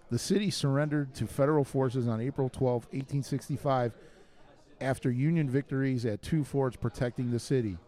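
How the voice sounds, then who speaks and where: A man's voice: mid-range voice, warm tone. A man co-hosting a casual chat, reading facts aloud and trading cheesy pickup lines. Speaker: co-host.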